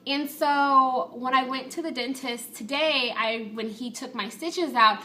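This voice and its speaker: A woman's voice: high-pitched, a little slow, bright, forceful tone. A woman vlogger giving a casual, chatty and candid personal update to her viewers.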